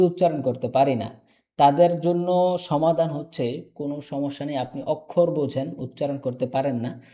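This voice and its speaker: A man teaching a casual online English class, repeating each word slowly for learners. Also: mid-range voice, dark tone. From Bangladesh. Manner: repeats words slowly, drills.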